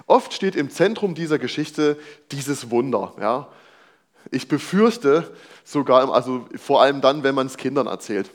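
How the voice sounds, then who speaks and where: Young male preacher, animated pitch, chatty sermon with slang and rhetorical questions. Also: measured pace. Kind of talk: sermon reading and explaining a Bible passage.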